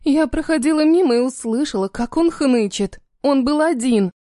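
A woman's voice: high-pitched, expressive, normal speed, dark tone, dry recording, clean studio sound, pitched above the performer's own voice. A woman voicing a frightened young wife who pleads in a trembling voice. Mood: pleading.

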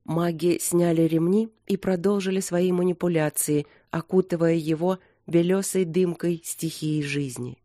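Measured audiobook narrator. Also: medium pitch, warm tone, dry recording, clean studio sound.

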